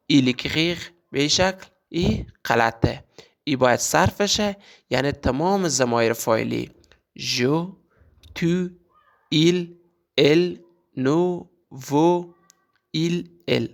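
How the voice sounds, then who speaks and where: Man, language teacher, gravelly tone, slow careful repetition. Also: medium pitch. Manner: slow, drawn-out repetition of example words. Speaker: French teacher. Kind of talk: language lesson.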